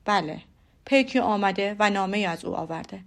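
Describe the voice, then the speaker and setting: A woman voicing a dry, weary older father in an audiobook, with an unhurried delivery. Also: mid-range voice, close to an everyday voice. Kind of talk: audiobook character voice.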